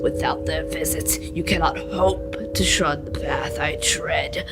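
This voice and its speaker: Young woman playing slow, mournful ghost Jacob Marley. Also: low voice, in a whisper, loud music behind the voice. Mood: warning. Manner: solemn, drawn-out, portentous. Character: doomed, mournful male ghost of dead business partner. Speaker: student actor. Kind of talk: old-time radio drama acting.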